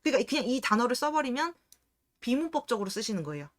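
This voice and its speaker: A woman teacher runs a Korean pronunciation lesson. Her voice sits a little high and swings widely in pitch. She keeps asking her listeners questions, answers them herself, and slows down to repeat words for demonstration. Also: sing-song. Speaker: reading and debate instructor. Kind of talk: explanatory Korean grammar lesson.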